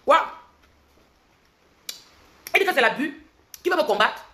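A woman's voice: sits high, expressive, fairly bright tone. A woman, ranting angrily in a confrontational social media livestream and firing off accusing questions. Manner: angry, confrontational, rapid-fire questions. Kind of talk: heated livestream rant.

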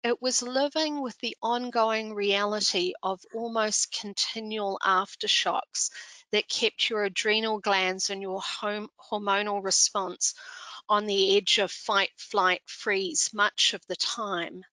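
Bright-voiced older New Zealand woman. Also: medium pitch, fairly even intonation, slow pace, no echo, low-quality recording. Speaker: speaker on disaster chaplaincy. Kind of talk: presentation on a video call. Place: indoor room. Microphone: headset on a video call.

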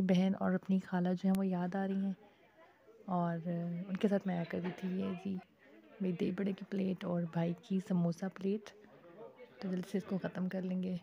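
Her voice is warm and medium-pitched with vocal fry. This Pakistani woman narrates a chatty vlog, addressing viewers with frequent "ji" while shopping in a night bazaar and then at home, recorded in dull lo-fi phone audio with faint street noise.

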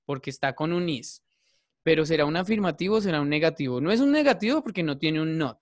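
A man's voice: on the high side, no room sound, clean studio sound. A man teaching an English grammar class, explaining patiently and repeating himself, often checking in with his students. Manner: patient, repetitive, checks in with "¿listo?".

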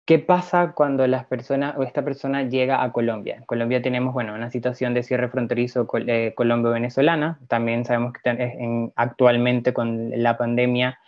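A man narrating a slide presentation in a measured, hesitant way, pausing with fillers, recorded as a lo-fi voice-over. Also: medium pitch, flat delivery, no room sound. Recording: dull, lo-fi, dry voice-over.

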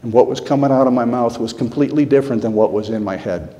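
A middle-aged man preaches from the pulpit in a mellow, warm voice. He speaks earnestly and from the heart, circling back to repeat his main points. His words ring out with the long reverb of a church sanctuary. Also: medium pitch, fast talker. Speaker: pastor. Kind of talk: sermon.

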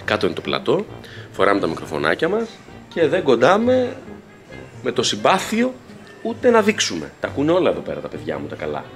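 A man's medium-pitched voice swings hugely in pitch over soft background music. He's a TV station video editor chatting casually to his handheld camera as he walks to the control room, vlogging his workday with playful, joking asides.

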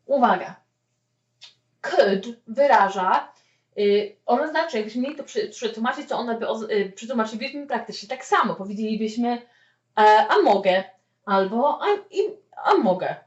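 A woman teaching a spoken English lesson, explaining with lively "okay?" check-ins. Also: fairly high pitch, normal speed. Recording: echoey room, mic at a distance, dull lo-fi sound.

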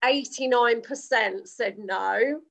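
A woman's voice: a little high, slow pace, vocal fry, fairly bright tone. Earnest lady co-hosting a chat on a video call, restarts a lot. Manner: earnest, emphatic, many restarts. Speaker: co-host.

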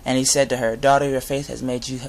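A young adult man giving an informal sermon with Bible readings, speaking earnestly and a little haltingly. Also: medium pitch, little pitch movement, gravelly. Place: inside a garage. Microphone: device camera at close range.

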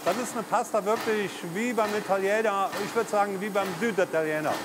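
A man in his fifties from the Eifel runs a lasagna factory and explains the production line in an easygoing, chatty way. He speaks into a lapel mic on a large factory floor, and music plays under him. His voice sits noticeably high for a man. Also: fairly quick. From Eifel region, Germany. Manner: relaxed, explanatory, with fillers. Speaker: factory head. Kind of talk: on-site interview.

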